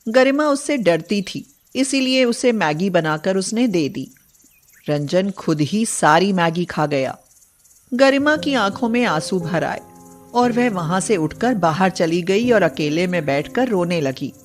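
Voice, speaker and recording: A woman's voice: lowish voice, animated, a little slow. A woman narrator reading a scripted moral story.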